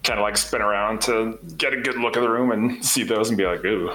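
Bright-voiced man playing a tabletop game. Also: fairly low pitch, steady tone, brisk, poor audio. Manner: playful, joking. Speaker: player. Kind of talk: casual tabletop play.

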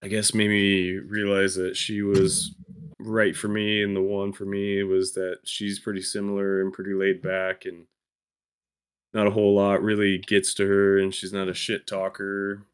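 Chill guy on a podcast, low smooth voice, super easygoing chat. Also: monotone, unhurried. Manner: laid-back. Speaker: podcast co-host. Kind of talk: casual chat.

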